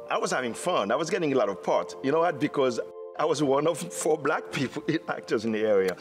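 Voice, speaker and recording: A middle-aged man from Haiti with a Haitian accent, a theater director speaking earnestly in an interview, with many restarts. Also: on the low side. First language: Haitian Creole. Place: indoor theater seating.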